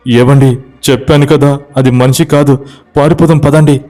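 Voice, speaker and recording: A man's voice: lowish voice, steady tone, normal speed, dark tone, natural voice. A man voicing a frightened young village wife, pleading and panicked in a horror story.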